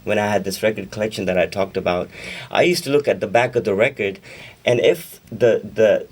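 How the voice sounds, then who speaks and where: A singer-songwriter whose first language is Urdu chats as a guest in a radio interview, rambling, correcting himself and laughing easily. His voice is on the low side, fairly quick, with a breathy edge, heard through a distant mic.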